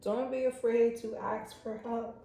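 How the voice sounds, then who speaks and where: Woman tarot reader talking straight to her viewers, relaxed and chatty, recorded in a very echoey room. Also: fairly high pitch, measured pace. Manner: chatty, speaks straight to viewers, lots of "like" and "you know". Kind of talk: casual pick-a-card tarot reading.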